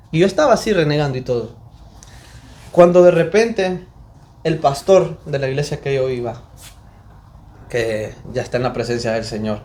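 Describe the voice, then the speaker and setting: A Honduran man teaching a church Bible class, telling a personal testimony with lively storytelling and acted-out quotes. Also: fairly high pitch, slight background noise. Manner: animated storytelling, acting out quoted voices.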